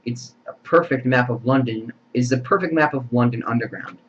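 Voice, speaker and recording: A man voicing a calm, wise old wizard headmaster who speaks in a measured way, on a dull lo-fi recording. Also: medium pitch, close to an everyday voice.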